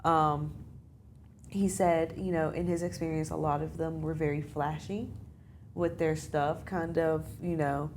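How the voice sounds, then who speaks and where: A woman's voice: low voice, flat delivery, measured pace, a little mellow, a little hiss or hum. A young American woman, a student, chatting casually in an interview with lots of filler phrases. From United States. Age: young adult. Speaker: study abroad student guest.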